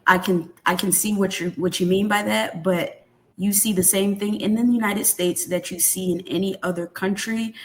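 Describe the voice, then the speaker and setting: An assertive woman speaking on a discussion panel. Her voice sits in a middle pitch, and she speaks emphatically and with conviction. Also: fairly even intonation, moderate pace.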